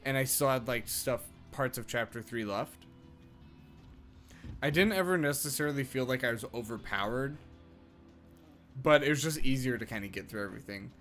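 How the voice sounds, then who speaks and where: A man's voice: mid-range voice, moderate pace, long pauses, fairly bright tone, soft background music. A man giving casual late-night commentary while playing a video game, rambling and often restarting his sentences. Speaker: game streamer.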